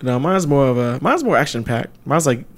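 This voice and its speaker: Male podcast co-host, casual and animated storyteller who laughs easily. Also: mid-range voice, brisk. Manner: laughs often, retells stories with animated voices.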